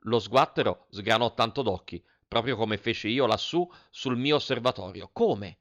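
A man narrating a children's novel in a lively, expressive storytelling manner. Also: medium pitch, normal speed, highs cut off.

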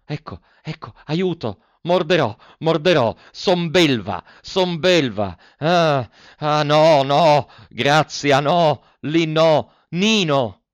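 A man's voice: medium pitch, a little slow, vocal fry, no echo. A man voicing a frightened young novice nun who is losing her mind, reading her diary in a pleading, feverish way with repeated cries. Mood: terrified, frantic. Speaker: audiobook reader.

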